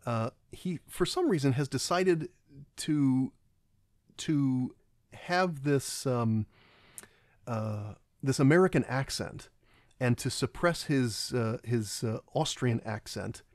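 A man's voice: mid-range voice, a little mellow, no echo, clean studio sound. A man giving a casual, rambling film commentary, often stopping and restarting his sentences. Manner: halting and rambling, many restarts.

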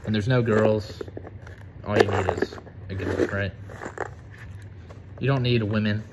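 An eighteen-year-old man from the United States chatting casually on a vlog, excitable, profane and rambling. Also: lowish voice, a little slow, heavy background noise. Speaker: vlogger.

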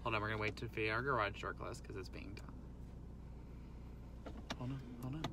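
A man's voice: on the low side, normal speed. Young man vlogging from a car. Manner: chatty, upbeat, narrating to camera. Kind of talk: casual road-trip vlog. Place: inside a car. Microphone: phone held at arm's length. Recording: loud car and road noise. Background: car engine and road noise.

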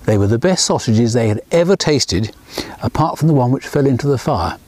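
A man in his sixties reads aloud, a little fast, from a children's book he wrote, outdoors beside a small railway. Animated as a storyteller, he raises his pitch for the characters' lines. No room sound is audible.

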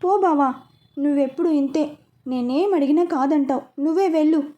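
A woman's voice: high-pitched, moderate pace, warm tone, natural voice. A woman voicing a sulky, dramatic young woman who pleads and whines like a child, in a storybook reading. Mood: whiny.

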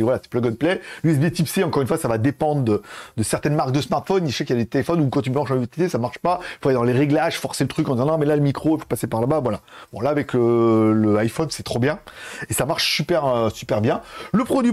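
A man's voice: on the high side, a little mellow. A man chatting through a casual product review, rambling and correcting himself mid-sentence on a wireless lapel mic. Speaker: tech reviewer.

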